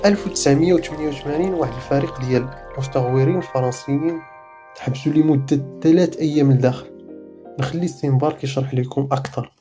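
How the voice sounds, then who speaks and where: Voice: medium pitch, quick pace. A narrator with a Moroccan accent reading a scripted documentary-style voice-over for a travel vlog. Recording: music behind the voice.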